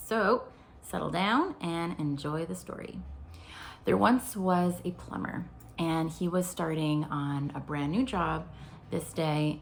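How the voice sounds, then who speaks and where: Therapist lady telling a story, friendly and chatty, kinda low gravelly voice. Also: slight background noise. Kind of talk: storytelling explanation for viewers.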